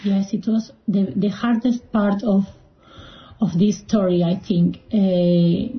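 A young woman from Argentina, a native Spanish speaker, speaking English in an interview with hesitant pauses and fillers. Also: medium pitch. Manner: hesitant, with frequent fillers and restarts. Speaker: guest. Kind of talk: personal account in an interview. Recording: roomy, dull-sounding recording.

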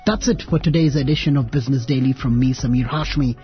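A man with a husky voice presenting a scripted radio documentary. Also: mid-range voice, fast talker, highs cut off, music in the background.

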